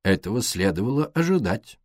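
A man's voice: lowish voice, wildly swooping pitch, darkish tone, no room sound, studio quality, heavily acted. A man doing a grave elderly detective. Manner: grave, slow, measured. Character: grave elderly foreign detective, old bachelor.

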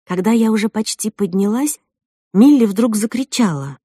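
A woman narrating a first-person audiobook in an expressive way. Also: medium pitch, moderate pace, husky, no room sound, studio quality. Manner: expressive, rising with the drama.

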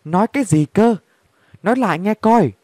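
A man's voice: high-pitched, lively intonation, moderate pace, a little mellow, no room sound, clean studio sound, voice pushed up. A man voicing a brash, scornful young woman in a bar, talking in a coarse, mocking way.

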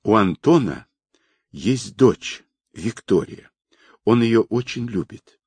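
A man voicing a desperate woman who pleads in a hushed, tearful way. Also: on the low side, animated, slow, husky, dry recording, pitched above the performer's own voice, heavily acted. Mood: pleading.

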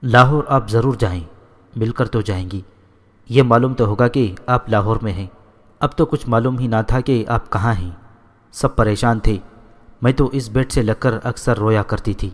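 A man's voice: medium pitch, long reverb tail, close to an everyday voice. A man voicing a devoted, simple-hearted female house maid in a storybook reading, in his own plain voice. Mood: devoted, pleading.

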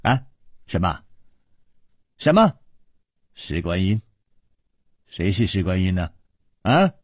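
A man's voice: sits low, sing-song, slow, breathy edge, no echo, clean studio sound, voice pushed down, full character voice. A man voicing a laughing riddling swordsman hero. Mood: feigned puzzlement. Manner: playful, riddling, laughs often. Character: witty carefree male swordsman hero.

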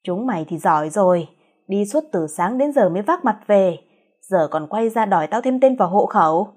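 A woman's voice: medium pitch, lively intonation, moderate pace, darkish tone, slightly rough. A woman voicing a spiteful older mother-in-law who screeches and scolds in a storybook reading. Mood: furious.

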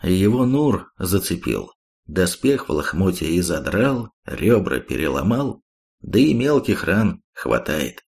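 A man reading the part of a calm, sad, resigned male war chief in an audiobook. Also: deep voice, slow, vocal fry, exaggerated voice.

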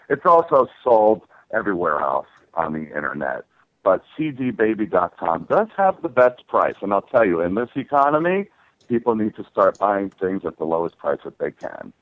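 A man with an announcer-like voice and clear diction, talking conversationally as a singer being interviewed. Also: on the low side, no room sound. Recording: narrow phone-like line.

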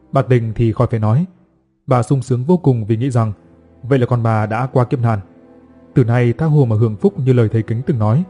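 A man reading a folk horror story aloud in a measured, dramatic storytelling manner. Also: mid-range voice, warm tone. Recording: faint music underneath.

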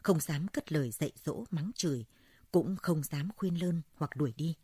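Female folk-story narrator, husky and low, measured delivery. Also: warm tone, no echo.

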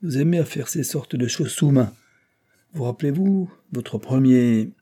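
A man voicing a gruff, nosy older male judge who bursts into loud fury. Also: mid-range voice, unhurried, voice pushed up, lightly acted. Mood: teasing, gossipy. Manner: bluster rising to fury.

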